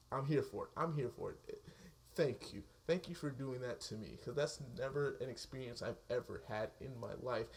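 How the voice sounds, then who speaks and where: Excitable, swearing man reviewing a movie. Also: mid-range voice. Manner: excitable, profane, laughs often mid-sentence. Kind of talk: casual spoken movie review.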